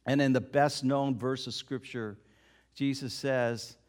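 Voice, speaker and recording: A man preaching a sermon, dramatic, dropping to a hush and then rising to loud emphasis. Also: mid-range voice, steady tone, measured pace.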